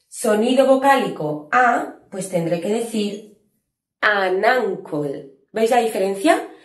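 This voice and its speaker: A woman's voice: fairly high pitch, reverberant. A woman teaching an English grammar lesson online, explaining patiently and stretching out her example words.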